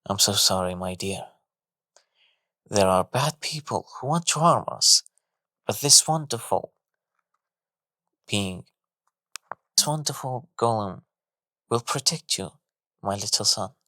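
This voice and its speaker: Sex: man. Figure: a man doing a loving father saying farewell in a storybook tale. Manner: hushed, voice cracking. Pitch: low. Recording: dry. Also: no echo. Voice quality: cracking with emotion, whispered. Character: grieving, loving father on the run.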